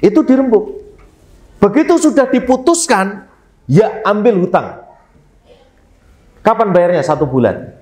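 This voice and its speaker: A man delivers a sermon in a high, bright register. He keeps it lively and joking. The sound rings around an echoey hall. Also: unhurried, long pauses. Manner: lively, joking with Javanese phrases. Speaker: preacher.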